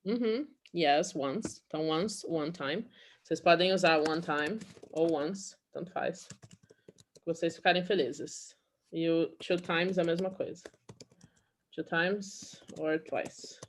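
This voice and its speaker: A woman's voice: lowish voice, takes it slowly, slight background noise. A woman from Brazil teaching an English class in Portuguese, explaining patiently and often checking in with "okay?".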